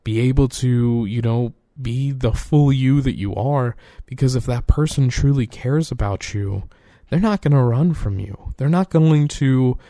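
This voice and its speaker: A man's voice: mid-range voice, unhurried, mellow, no room sound, studio quality. A young man hosting a podcast, talking earnestly in a rambling, casual way with plenty of fillers and swearing. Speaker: podcast host. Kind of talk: casual heartfelt monologue.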